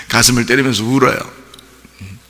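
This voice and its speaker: A man's voice: mid-range voice, bright, forceful tone, long reverb tail. A man preaching a sermon as pastor, talking conversationally, asking his congregation questions and acting out bits of dialogue. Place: church sanctuary.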